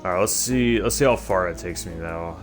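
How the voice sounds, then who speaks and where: A man's voice: sits low, a little fast. A man with a slightly nasal, stuffy voice, chatting loosely through a casual gaming livestream, rambling with lots of fillers. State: stuffy from allergies. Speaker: streamer. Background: music.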